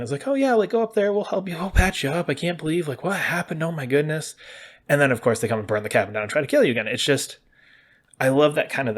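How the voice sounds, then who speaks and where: A man talking casually through a story's best moments, now and then slipping into quick put-on voices for the characters. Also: on the low side, a bit bright. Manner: chatty, acts out characters' lines in quick voices. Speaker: gaming channel host. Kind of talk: casual spoiler discussion.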